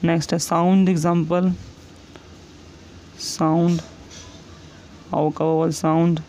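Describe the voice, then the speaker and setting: A man teaching shorthand, explaining each rule step by step and patiently repeating every example word slowly. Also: a little high, little pitch movement, a little mellow. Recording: dull lo-fi sound with faint hiss.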